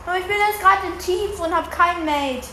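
A woman's voice: very high-pitched, fairly quick, pushed and bright. A young woman chatting casually while gaming, slangy and complaining about the match. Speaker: gamer. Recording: echoey room with faint noise.

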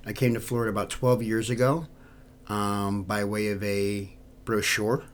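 In a lowish voice with little pitch movement and normal speed, an American podcast host from New York talks informally to listeners. The tone is earnest, personal and plain.

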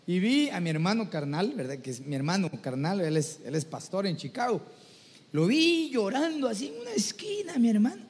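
A man's voice: high-pitched, big pitch swings, fairly quick. A man preaching a sermon, telling stories animatedly and often calling listeners brother. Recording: long hall reverb.

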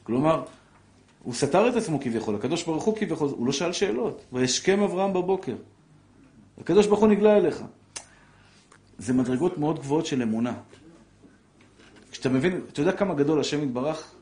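Male rabbi leading an emotional, lively class, slightly high voice, often questions the room. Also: long pauses. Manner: emotional, animated storyteller who questions the audience. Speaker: rabbi giving a Torah class. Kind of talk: lively religious lesson to a live audience.

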